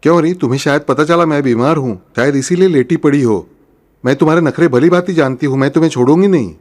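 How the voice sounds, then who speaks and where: A man voicing a quarrelsome, sharp-tongued old mother-in-law who scolds quickly and accusingly while telling a folk story in a sermon. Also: fairly high pitch, natural voice. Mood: scolding.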